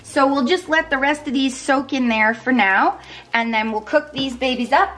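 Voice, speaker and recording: A woman's voice: sits high, moderate pace, a bit bright. A woman in her thirties chatting while she cooks breakfast in her home kitchen, upbeat and casual. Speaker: vlogger sharing meal prep. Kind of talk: casual cooking vlog. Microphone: handheld camera held close.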